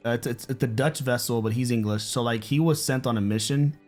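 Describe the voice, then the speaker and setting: Man, co-host, casual chat, thinks out loud, mid pitch, faint music behind. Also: fairly quick. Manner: thinking aloud, rambling with many "like"s and restarts. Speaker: co-host of a couple reaction channel.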